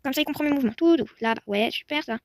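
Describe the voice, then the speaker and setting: A young woman streams a Roblox horse-riding roleplay, casually commenting on the game while coaxing and calling to her virtual horse, swinging from soothing horse-talk to panicked shouting. Her high-pitched voice is creaky and racing, with slight background noise.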